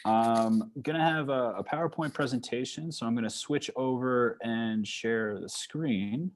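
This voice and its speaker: A man with a Long Island accent, from New York, giving a fast-paced online talk as a psychologist, with frequent fillers and restarts. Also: mid-range voice. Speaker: guest speaker, psychologist. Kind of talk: online presentation. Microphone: video call.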